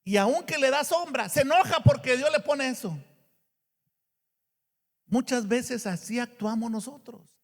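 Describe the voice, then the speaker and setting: A male pastor preaching a sermon, animated and asking the congregation rhetorical questions. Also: very high voice, measured pace, pauses often, big-room sound.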